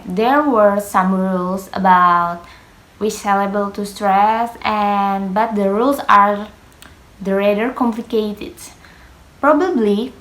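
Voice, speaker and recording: A young woman who speaks Indonesian as her first language, giving a hesitant class presentation on pronunciation, with many fillers and grammar slips. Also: medium pitch. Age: young adult. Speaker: student presenter. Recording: echoey room.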